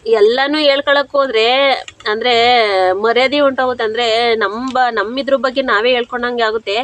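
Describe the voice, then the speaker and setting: A woman's voice: a little high, fairly even intonation, moderate pace, fairly bright tone. A young woman, talking frankly and chattily to her viewers while cooking. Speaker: village vlogger.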